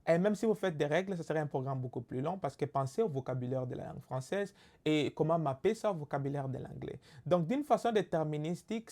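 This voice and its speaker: A man's voice: fairly high pitch, dark tone. Man with Congolese French accent explaining patiently. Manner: explanatory, many fillers and rhetorical checks. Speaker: teacher. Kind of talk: recorded lecture.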